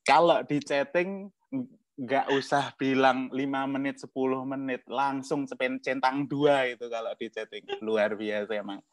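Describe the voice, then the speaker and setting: A man hosting a casual livestream chat, joking, laughing often and filling pauses. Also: mid-range voice, steady tone, no echo. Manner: jokey, laughs often, many fillers. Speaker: host.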